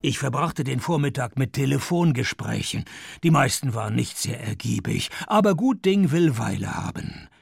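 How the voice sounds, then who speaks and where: An actor playing a dry, wisecracking private detective in a radio crime drama, with a deadpan, sardonic delivery. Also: male voice, mid-range voice, moderate pace, gravelly, slightly rough, no room sound, full character voice. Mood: wry narration. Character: dry, wisecracking private detective narrating his own case. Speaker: detective and first-person narrator.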